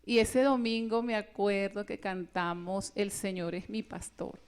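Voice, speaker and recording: A woman giving a personal testimony at a religious retreat, telling her story in a lively way and acting out the voices of the people in it. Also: medium pitch, a little slow, smooth. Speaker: retreat speaker.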